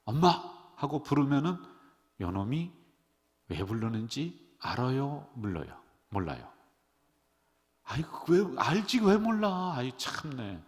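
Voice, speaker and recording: Lively Korean man preaching in a reverberant church. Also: medium pitch. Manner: animated, leads the congregation in call-and-response. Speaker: pastor. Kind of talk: sermon. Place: church sanctuary. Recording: long church-hall reverb.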